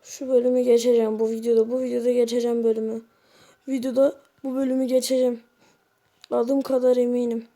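A woman's voice: fairly high pitch, little pitch movement, quick pace, dark tone. A young woman commenting on her own gameplay, exasperated, exclaiming and muttering to herself. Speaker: gaming video creator.

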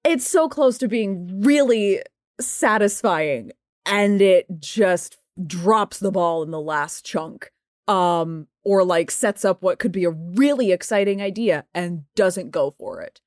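A woman co-hosting a podcast, chatting casually and giving animated, opinionated takes with quick asides. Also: medium pitch, no echo, studio quality. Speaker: podcast co-host. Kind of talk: casual chat.

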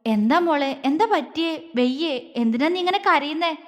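A gentle, protective young lover, voiced by a woman narrator coaxes and teases in soft, affectionate tones. Her own high voice stays much as it is, wrapped in a long hall reverb. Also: lively intonation, normal speed. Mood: tender, coaxing. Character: loving, teasing young man, gentle and protective.

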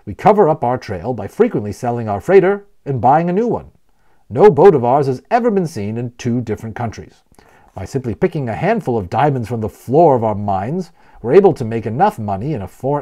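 In a medium-pitched, dark voice that runs a little fast, a man performs a talkative, genial guide from a storybook. Very animated, he explains with pride and playfulness, emphatic, wordy, and informative.

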